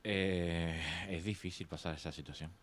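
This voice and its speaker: A man interviewing a guest, speaking gently with short, supportive remarks. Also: deep voice, fairly even intonation, moderate pace, dry recording. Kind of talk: casual interview conversation.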